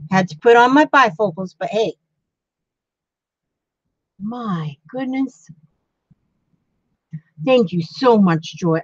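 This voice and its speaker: An older woman chatting casually on a craft livestream, thanking viewers warmly and exclaiming often as she sews. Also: medium pitch, dry recording, lo-fi sound. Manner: chatty, gushing thanks to viewers with frequent gasps. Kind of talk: casual live-stream chat while sewing.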